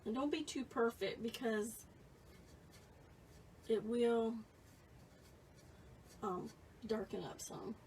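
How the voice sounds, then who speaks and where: A woman's voice: a little high, takes it slowly, pauses often, a little mellow, recorded from a distance, a little hiss or hum, rough recording. Chatty woman in her fifties teaching painting. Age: 50s. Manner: casual, chatty, reads viewer comments. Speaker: painting instructor. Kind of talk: live painting tutorial.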